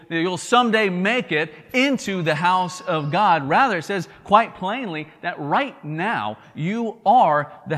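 A man's voice: a little high, a bit bright, big-room sound. A man from Tennessee with a Southern accent, preaching a sermon in an earnest way, often repeating words and asking "right?". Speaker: pastor.

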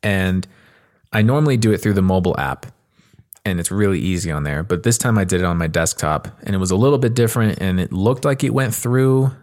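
Low-voiced man hosting a casual podcast. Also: fairly quick, a little mellow. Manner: informal, sweary. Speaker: podcast host. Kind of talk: casual conversational storytelling.

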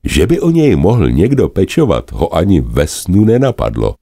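Very deep-voiced male storyteller. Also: creaky, no echo, studio quality. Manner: lively, expressive telling. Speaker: narrator. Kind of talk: storybook narration.

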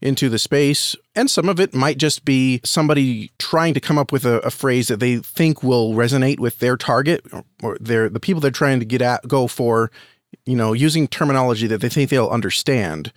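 An audio drama producer and reviewer appears as a podcast guest, speaking in a mid-range voice at normal speed. The clean studio sound has no room sound. He talks conversationally and at length, frequently repeating words as he works toward what he means.

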